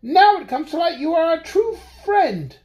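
A timid storybook mouse squeaks in a high, anxious voice, as a woman puts her on. Her worried questions and sudden cries jump well above the reader's own mellow voice. She sounds trusting and easily alarmed. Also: sing-song, normal speed. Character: fretful, trusting little female mouse.

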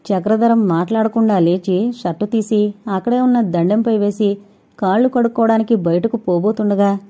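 A woman narrating a novel as an audiobook, in a measured, steady storytelling manner. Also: mid-range voice.

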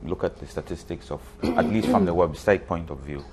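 A basketball league official, appearing as a guest on a TV studio set, explains things and repeats words as he goes. He speaks a little fast in a low voice, recorded on a lapel mic against a noisy background.

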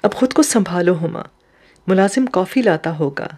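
A woman's voice: on the low side, lively intonation, a little mellow, a little hiss or hum. A woman voicing a tender, earnest young man who is moved to tears. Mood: gentle.

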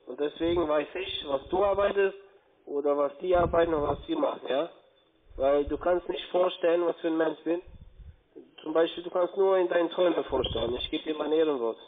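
A man with a somewhat high voice talks a little quickly in foreign-accented, grammatically broken German. He's an investment scammer making a cold sales call, rambling and pushy, and the phone line sounds tinny.

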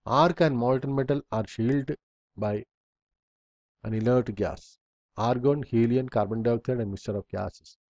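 A man's voice: medium pitch, unhurried, darkish tone, no echo, lo-fi sound. A man instructor reading slide bullet points aloud in a recorded lecture, in short fragments with small slips and restarts.

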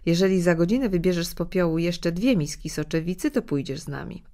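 A woman's voice: on the low side, brisk, warm tone, natural voice. A woman narrator voicing a harsh, scornful stepmother who scolds and dismisses her stepdaughter. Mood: cold.

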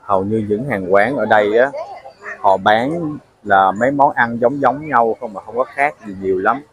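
A man's voice: on the low side, normal speed. A man narrating a casual travel vlog, chatting to viewers as he walks through a crowded night market. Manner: chatty, explains to viewers with fillers. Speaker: travel vlogger.

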